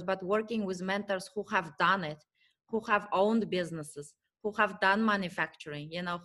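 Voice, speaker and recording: A woman hosts a business talk show, interviewing her guest in a friendly, affirming manner. Her voice has an ordinary pitch for a woman. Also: a bit bright.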